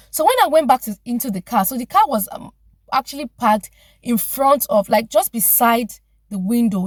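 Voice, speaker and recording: A woman with a Nigerian accent telling a story-time vlog, animated and emphatic, with exclamations and many restarts. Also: medium pitch, no echo. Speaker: vlogger.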